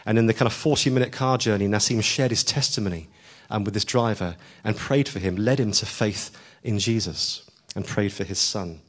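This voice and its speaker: A man's voice: lowish voice, normal speed. A man preaching a sermon, earnest and emphatic, pushing his voice up on key lines, with frequent ums as he tells a story.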